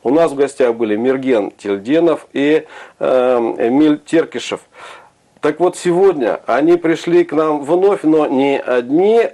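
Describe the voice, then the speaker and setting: Middle-aged guy hosting a tv studio chat, warm mellow voice, formal and measured, lapel mic. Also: mid-range voice. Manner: measured, formal presenter speech with hesitations. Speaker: TV studio host. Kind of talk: studio interview. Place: small TV studio with sofas.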